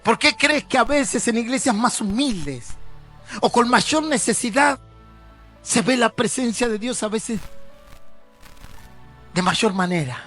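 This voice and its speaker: Pastor, male, crisp and high-pitched, conversational but emphatic church sermon. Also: expressive, takes it slowly, long pauses, fairly bright tone, soft background music.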